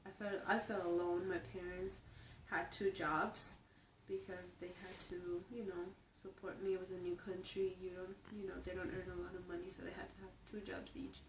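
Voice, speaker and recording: A young woman from Ecuador who grew up speaking Spanish, talking in a lowish, fairly flat voice. She speaks in a reflective, halting way and often restarts her sentences. She is recorded from a distance, in a roomy space with faint ambience. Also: slight background noise. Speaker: interviewee. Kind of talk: personal testimony interview.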